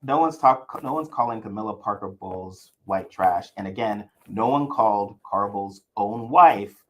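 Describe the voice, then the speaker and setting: A man's voice: fairly low pitch, normal speed, fairly bright tone, low-quality recording. A man from the South, co-hosting a casual podcast chat, arguing a point earnestly with frequent restarts. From American South. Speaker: co-host.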